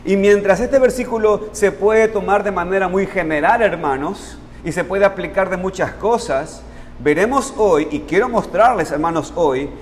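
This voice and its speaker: A man's voice: high voice, moderate pace, in a large hall, slight background noise. A man preaching a sermon to his congregation in an earnest, explanatory way, often calling them brothers. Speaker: pastor. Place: church sanctuary.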